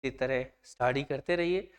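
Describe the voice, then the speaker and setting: A woman teacher with an Indian accent who gives an exam-prep lecture, reading English definitions slowly word by word and then explaining them in Hindi. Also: a bass voice.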